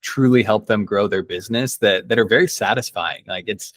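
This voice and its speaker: A company co-founder speaks as a guest on a podcast. He is relaxed and casual and lets slip some mild swearing. His low voice is recorded dry and close. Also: brisk, no room sound. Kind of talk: casual interview chat.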